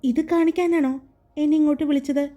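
A woman voicing a timid, gentle young woman in a soft, raised, pleading voice for a romance audiobook. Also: high-pitched, steady tone, fast, soft background music, lightly acted. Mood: shy.

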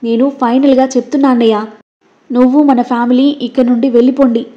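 A woman's voice: sits high, level tone, a little fast, dull audio, close to an everyday voice. A woman voicing a young woman who pleads tearfully with her brother in a read-aloud audio story. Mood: pleading. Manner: pleading, later sobbing and shouting.

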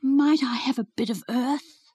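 A woman's voice: high voice, slow pace, darkish tone, no room sound, voice pushed up. A woman reading the part of an anxious little girl who quavers and hesitates. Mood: anxious pleading.

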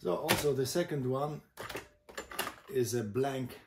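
A man demonstrates a gadget in slow, halting phrases. His voice sits at an ordinary pitch in an echoey room, with loud noise and clicking around it. The delivery is informal and goes step by step. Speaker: host demonstrating vintage boomboxes. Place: indoor room with a table of boomboxes.

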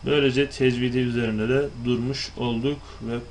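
A man teaching recitation rules in a didactic way, asking questions and answering them himself. He sounds out words to show how they should be recited. His voice sits at an ordinary middle pitch, with a faint hiss of noise behind it. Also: little pitch movement, normal speed. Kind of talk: explanatory lesson.

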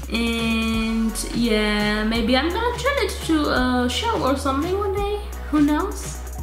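A young woman chatting casually to camera as a vlogger, blunt and rambling, swearing freely. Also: a little high. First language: Hebrew. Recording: echoey room, faint music.

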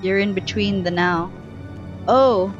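A young woman talks through her game live on a headset mic. Her voice sits at an average pitch, casual and chatty, thinking aloud in short bursts. Faint music plays behind her. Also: takes it slowly, muffled recording. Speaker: game streamer. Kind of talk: casual live gameplay commentary.

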